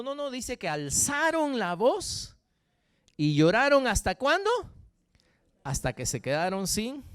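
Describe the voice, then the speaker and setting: Peruvian male pastor, lively and jokey delivery, slightly high, smooth tone. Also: dry recording, clean studio sound. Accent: Peruvian Spanish. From Peru. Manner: animated, jokey, frequent tag questions to the congregation. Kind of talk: sermon.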